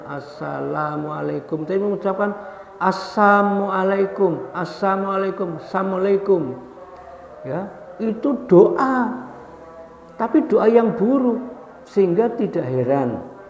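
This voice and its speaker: A man preaching a sermon to a congregation, telling a story and leading his listeners in slow chanted recitation. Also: warm tone. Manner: storytelling with rising pitch on stressed points. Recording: echoey hall, dull sound, faint background noise.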